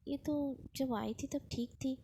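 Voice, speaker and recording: A woman voicing a short-tempered young businesswoman in a spoken storybook, talking in a brisk, matter-of-fact way. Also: sits high, fairly even intonation, creaky, mellow, slight background noise, exaggerated voice. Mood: musing.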